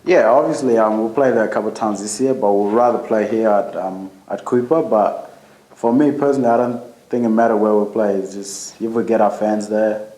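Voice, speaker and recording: A young man being interviewed as a football guest, laid-back and halting. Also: on the low side, mellow. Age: young adult. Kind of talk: casual interview. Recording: roomy echo.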